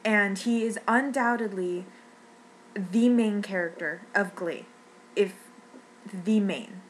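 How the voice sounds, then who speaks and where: A fan vlogger with a medium-pitched voice rants emotionally at a slow pace, upset and near tears, rambling and often restarting sentences. The audio is poor with slight background noise.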